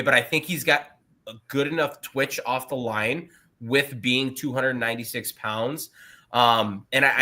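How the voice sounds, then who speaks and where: A man analysing a football prospect on a draft podcast, talking in animated bursts with frequent restarts. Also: mid-range voice. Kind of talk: podcast scouting talk.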